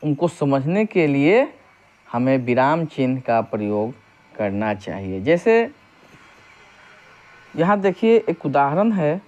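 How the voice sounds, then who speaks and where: Slow, patient male Hindi teacher. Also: mid-range voice, sing-song, darkish tone, muffled recording. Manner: slow, explains step by step, asks questions then answers them; reads example sentences slowly and deliberately. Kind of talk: Hindi grammar lesson.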